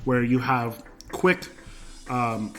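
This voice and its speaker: A man casually explaining things in a halting way, often checking in with short tag questions. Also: medium pitch, fairly bright tone. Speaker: teacher answering student questions.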